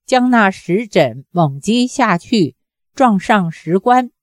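A woman reading a martial-arts novel aloud in a steady, even storytelling manner. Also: medium pitch, takes it slowly, no room sound, studio quality. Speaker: narrator.

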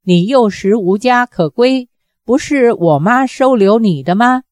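A proud, indignant young woman scolds in anger, voiced by a woman reading a story aloud. The delivery is slow and the sound is dry and close. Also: a little high, lively intonation, a little mellow, dry recording.

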